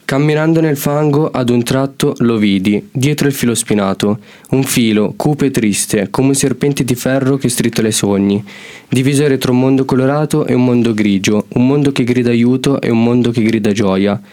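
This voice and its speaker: A teenage boy with a middle-pitched voice reads out his own poem. He explains it haltingly at first, then reads it steadily. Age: teens. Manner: hesitant when talking, steady when reading. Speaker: student reading his poem. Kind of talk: poetry reading.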